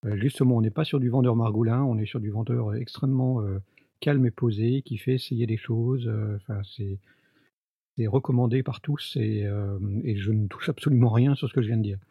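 Husky, mellow-toned man, relaxed co-host in a podcast chat, dry sound. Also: medium pitch, a little fast, no room sound, dull audio.

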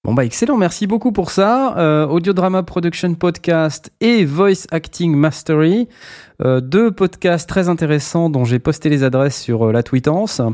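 A man's voice: a little high, expressive, normal speed, darkish tone. Upbeat man hosting a podcast. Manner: upbeat, wraps up and thanks guests. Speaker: podcast host. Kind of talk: casual chat.

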